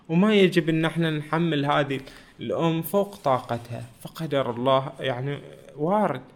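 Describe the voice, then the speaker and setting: Man reading a sad story. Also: on the high side. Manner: reads, then explains in casual dialect asides. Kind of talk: reading a story aloud with spoken asides.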